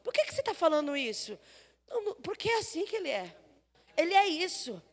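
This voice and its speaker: At a quick pace and very high pitch, a Brazilian-accented woman delivers a lively church sermon, voicing the dialogue and shifting from loud to soft. A long reverb tail follows her words.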